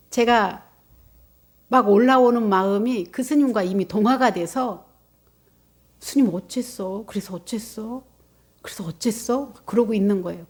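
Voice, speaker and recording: A woman Buddhist nun giving a dharma talk, telling a personal story in a lively way, acting out quotes with gasps. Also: fairly high pitch. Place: meditation center.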